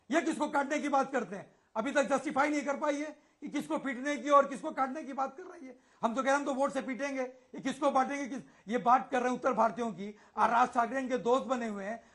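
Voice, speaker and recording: A man with a very high voice argues on a TV debate panel. He is combative, raises his voice over the others and keeps firing back questions. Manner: combative, shouts over interruptions. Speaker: party spokesperson. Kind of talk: heated TV debate.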